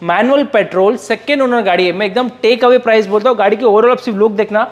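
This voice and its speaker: An Indian man from the Mumbai car trade giving a slick used car salesman's pitch, reeling off models and prices with repeated catchphrases. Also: quick pace, lo-fi sound. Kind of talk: sales pitch to camera, listing cars and prices.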